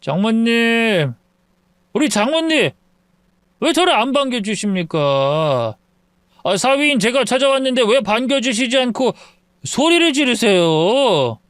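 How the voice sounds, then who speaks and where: A drunk, self-pitying young husband whines and pleads, as a man voices him in a high, slurred, drawn-out voice. The sound is dry and close, with no room around it. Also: big pitch swings, fairly bright tone, clear, resonant tone, no room sound, full character voice. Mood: drunk pleading.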